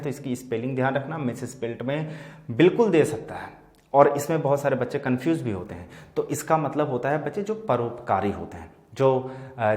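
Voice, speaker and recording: A man's voice: medium pitch, echoey room. A man teaching English vocabulary for exams, explaining in Hindi mixed with English and often checking in with his students. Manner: explains words in Hindi mixed with English, calls listeners "bachche"; keeps checking in with "theek hai?". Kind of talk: exam-prep lesson.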